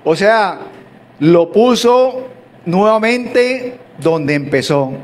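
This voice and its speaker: A man's voice: high-pitched, expressive, very slow. A man preaching a sermon, asking rhetorical questions and often restarting his sentences.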